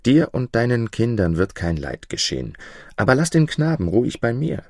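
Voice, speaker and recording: A man voicing a gruff mountain spirit disguised as a charcoal burner, talking deep, slow and stern. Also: big pitch swings, a little mellow, dry recording, studio quality.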